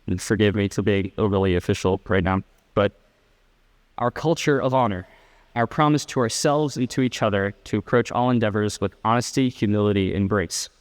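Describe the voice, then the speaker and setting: A teenage boy, chair of a student honor council, giving a measured, slightly formal and reflective prepared speech at a school ceremony. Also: fairly low pitch. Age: late teens.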